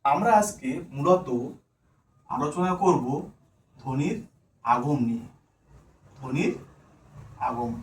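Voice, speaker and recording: A man's voice: fairly high pitch, animated, takes it slowly, pauses often. A man with a Bengali accent giving a demonstration lesson, asking questions and answering them himself. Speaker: teacher candidate giving a demo lesson. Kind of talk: classroom teaching demonstration. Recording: echoey room, far mic, faint noise.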